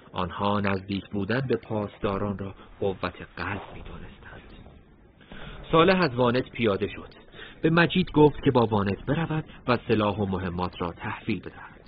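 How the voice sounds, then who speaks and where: Low-voiced male audiobook narrator. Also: lo-fi sound, slight background noise. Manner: steady, measured storytelling.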